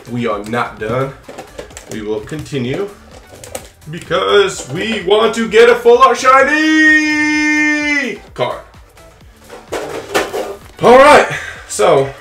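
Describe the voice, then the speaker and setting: In a small room at home, a young man running a card-opening channel gives playful running commentary as he opens trading cards, talking to his audience and his pet. His high-pitched voice swings widely in pitch and sounds a bit bright. He speaks slowly and pauses often, with reverb and faint music in the background.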